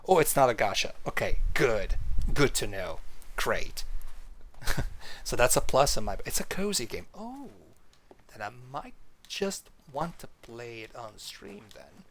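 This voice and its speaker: A man's voice: mid-range voice, measured pace, poor audio. A man from Italy chatting casually on a live stream, rambling with frequent restarts as he talks with viewers. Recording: steady hiss on the line.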